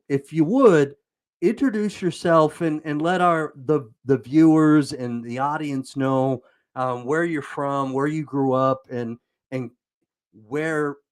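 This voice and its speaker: Male show host, mid pitch, hesitant and wordy delivery over a video call. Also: a little slow, clear, resonant tone. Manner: rambling, hesitant, many fillers. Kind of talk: casual interview talk.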